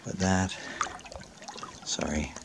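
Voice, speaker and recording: Paddling his kayak near a rocky lakeshore, a vlogger searching for a lake monster narrates in a low, gravelly voice. He talks very slowly and casually in first person, excited, and keeps slipping into a whisper. Water and paddling sounds fill the outdoor camera audio.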